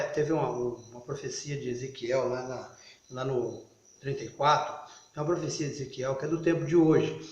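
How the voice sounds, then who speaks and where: A man giving an informal video sermon, halting and restarting often, then rising into loud, emphatic bursts. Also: a little high. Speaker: lay preacher. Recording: echoey, muffled recording.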